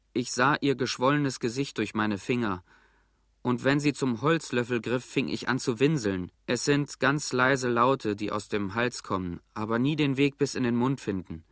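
A man reading a first-person literary text for an audio drama, in a measured, grave storytelling manner. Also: medium pitch, a bit bright, dry recording, studio quality. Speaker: narrator.

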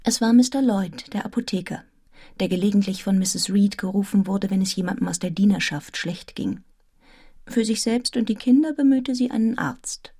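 A woman's voice: medium pitch, warm tone, breathy edge. An actress narrating a literary audio drama as a grown woman reflectively recounting a grim orphan childhood.

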